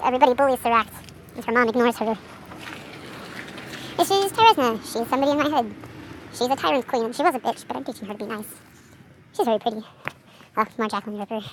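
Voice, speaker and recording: Young woman, high voice, rambling casual vlog talk, faint outdoor hiss. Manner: chatty, easily distracted, rambling with fillers. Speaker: vlogger showing her character drawings. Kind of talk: casual chat.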